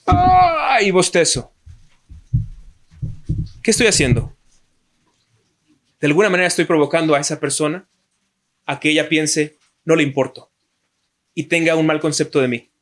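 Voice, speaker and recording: High-voiced Mexican preacher. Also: male voice, normal speed, pauses often, a bit bright. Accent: Mexican Spanish. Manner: rhetorical questions, acts out quoted excuses in a raised voice. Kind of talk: sermon.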